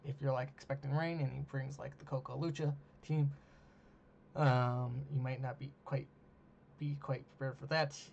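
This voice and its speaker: A man hosting a solo monologue, talking casually with many ums and uhs, losing his voice and clearing his throat. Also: medium pitch, flat delivery, normal speed, a little mellow. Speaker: host. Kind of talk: solo monologue ranking teams. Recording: dull lo-fi mic with faint hiss.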